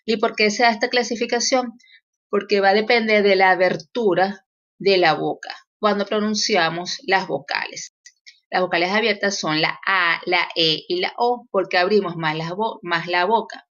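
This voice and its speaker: A woman's voice: medium pitch, fairly bright tone, lo-fi sound. A woman teacher explaining grammar in a recorded lesson, with fillers and self-corrections.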